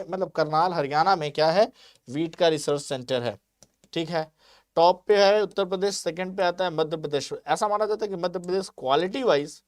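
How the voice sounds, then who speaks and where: Chatty male teacher quizzing his class. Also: on the high side. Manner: conversational, asks and answers his own questions, says "bhai" often. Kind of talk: exam-prep lecture.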